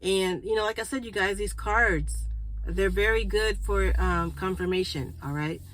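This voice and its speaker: Woman, spiritual card reader, casual chatty delivery, stuffy congested voice, middle pitch, faint noise behind. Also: measured pace, rough recording. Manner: chatty, checks in with viewers with frequent "okay?". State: congested, clearing throat and coughing.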